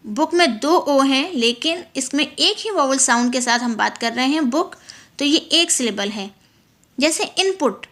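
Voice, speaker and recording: A woman teaching a lesson on English poetry, explaining in Urdu-Hindi and reading the English text slowly and carefully. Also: sits high, fairly bright tone. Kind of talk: lecture.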